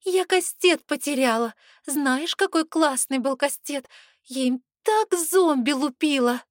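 A woman voicing a tipsy, excitable young female elf lady who talks in a giddy, childlike way. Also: sits high, a little slow, no echo, studio quality, pitched above the performer's own voice. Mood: excited.

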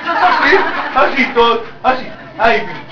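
A man preaching a lively sermon to his congregation, joking with them and rising to shouts. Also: extremely high pitch, moderate pace, muffled recording, crowd noise, background noise. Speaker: pastor. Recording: echoey church hall, from far off.

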